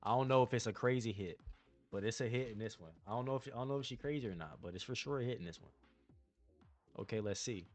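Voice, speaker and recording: A fast-talking young man with a medium-pitched voice provides laid-back, slangy commentary to his live chat as he opens trading cards. Faint music plays underneath.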